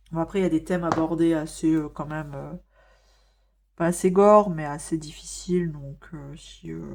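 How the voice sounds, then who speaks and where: A woman with a somewhat low voice talks casually to her viewers while she colors at home. She fills her sentences with hesitant fillers and often stops to restart a thought. Her tone is wry and easygoing. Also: a little mellow. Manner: chatty, many hesitations and fillers. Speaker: vlogger.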